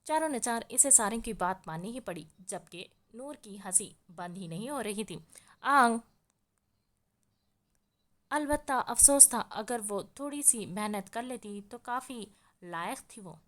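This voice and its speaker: A woman reading a romance novel aloud with expressive storytelling. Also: on the high side, unhurried. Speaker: audiobook narrator.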